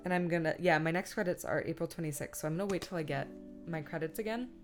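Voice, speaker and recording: Talking quickly in a low voice, this streamer and host keeps up casual livestream chat as she edits. She's silly and playful, cracks self-mocking asides, and mutters and hums to herself, all over background guitar music.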